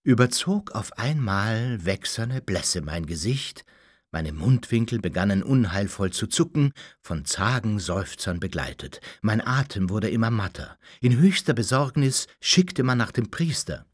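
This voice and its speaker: Lively, theatrical male audiobook narrator. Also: on the low side, unhurried, no echo, studio quality. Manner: theatrical, expressive. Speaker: audiobook reader. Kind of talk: dramatic first-person storybook narration.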